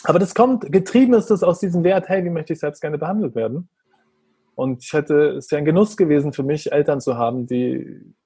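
Speaking fairly quickly in a slightly high, dark, husky voice, a father reflects conversationally on his parenting. He earnestly explains how he treats his small son and re-enacts their exchanges, with no room sound in the recording.

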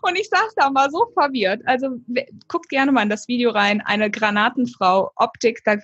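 A woman's voice: fairly high pitch, moderate pace, a bit bright, slightly rough, no room sound, muffled recording. A woman hosting a podcast interview, effusive and gushing with compliments for her guest. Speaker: podcast host.

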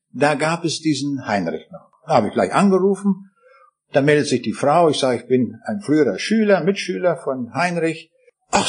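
Husky older man telling his testimony. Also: fairly high pitch. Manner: earnest, retells conversations with quoted dialogue. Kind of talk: personal testimony storytelling.

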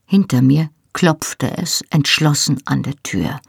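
An audiobook reader narrating a novel in a measured, expressive way. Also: mid-range voice, vocal fry, slightly rough, no room sound, studio quality.

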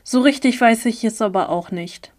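A woman reading the lines of a calm young man who patiently explains things in an audiobook. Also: a little high, normal speed, close to an everyday voice. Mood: explaining. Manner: matter-of-fact, explanatory.

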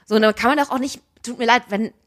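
A woman co-hosting a podcast in casual chat, talking emphatically and opinionatedly with quick asides. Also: a little high. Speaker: podcast co-host.

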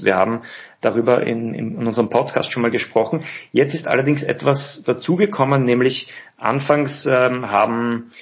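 A man's voice: mid-range voice, breathy edge. A man hosting a political podcast interview, asking questions at length. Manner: asks questions at length, measured. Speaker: podcast host. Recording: dull lo-fi audio.

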